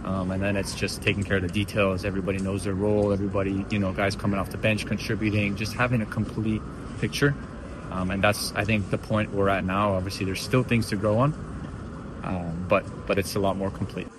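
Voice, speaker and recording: A man's voice: deep voice, flat delivery, fairly quick. A young man from Belgium, a professional footballer, answering post-match interview questions thoughtfully with many restarts. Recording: noisy outdoor stadium interview.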